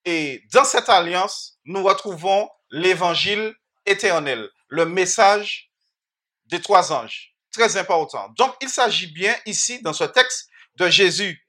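A Bible teacher leads an interactive sermon, speaking slowly and deliberately. The voice is bright and forceful. The speaker keeps putting questions to the listeners and repeats words, often restarting a phrase before finishing it. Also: mid-range voice, animated.

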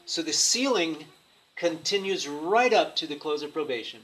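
A man preaching a sermon in short phrases, pausing so an interpreter can translate each line. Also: on the high side, expressive, fairly bright tone, rough recording.

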